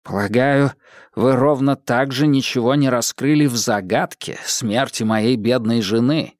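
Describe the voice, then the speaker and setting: A man's voice: mid-range voice, unhurried, no echo, clean studio sound, natural voice. A man voicing a proud, stiff elderly male historian in an audiobook, cutting and indignant.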